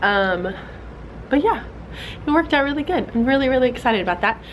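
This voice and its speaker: A young woman with a high voice and lively intonation talks briskly for a vlog from the classroom where she teaches fourth grade. She's mildly congested from a cold and chatty, leaning on fillers, and the rough recording has light background noise.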